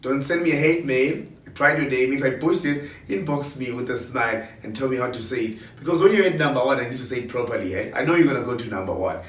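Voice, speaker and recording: A man's voice: mid-range voice, fast, few pauses. A man presenting award nominees in a countdown with an upbeat, hype-style pep talk. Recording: roomy, distant mic.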